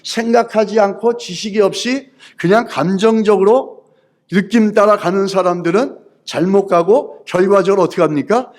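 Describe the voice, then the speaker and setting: Korean pastor guy preaching in church, fairly high voice, keeps asking the room questions. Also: normal speed. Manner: rhetorical questions, acts out pleading prayers. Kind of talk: sermon. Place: church sanctuary.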